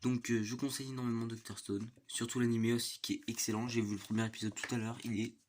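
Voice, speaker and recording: A man's voice: mid-range voice, little pitch movement, fast talker, a little mellow. A young man with a congested, blocked-nose sound from a cold, chatting casually as he shows his manga collection in a vlog. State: has a cold with a stuffy nose. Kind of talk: casual vlog chat, rambling collection tour. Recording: noisy amateur home recording with clicks.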